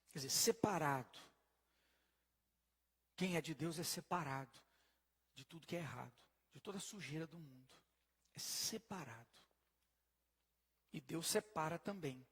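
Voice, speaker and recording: Male preacher, high and animated, husky tone, emphatic, long reverb. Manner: emphatic, swings from soft to loud, questions the congregation. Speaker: pastor. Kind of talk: sermon.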